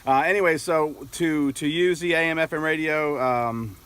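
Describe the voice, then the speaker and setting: A middle-aged American man, high-voiced and a bit bright with a smooth sound, explains a product at a moderate pace. As a product reviewer in an open grassy yard with trees, he talks casually and slightly hesitantly.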